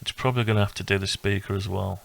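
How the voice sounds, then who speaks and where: An electronics hobbyist presents his own build in a casual, unscripted walkthrough. His voice is low and heavy with vocal fry, his intonation very even, and he thinks aloud in a halting, rambling way.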